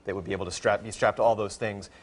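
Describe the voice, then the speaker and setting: A man co-hosting a talk show in a studio, playful and rambling, sometimes jumping into a high joking voice. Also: steady tone, rapid-fire. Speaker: talk show guest co-host. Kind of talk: casual chat. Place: TV studio with live audience. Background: studio audience.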